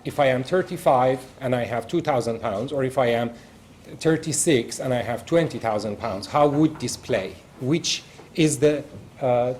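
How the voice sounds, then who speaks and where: A male university lecturer, a native Persian speaker with an Iranian accent, works through examples step by step in a recorded lecture, using frequent fillers. His medium-pitched voice is a little mellow, with slight background noise.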